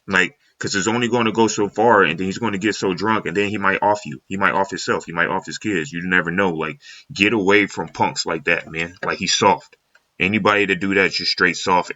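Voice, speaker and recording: A man's voice: low-pitched, pushed and bright. A man giving blunt, slangy, casual commentary with strong opinions. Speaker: video commentator. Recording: echoey room, slightly dull sound.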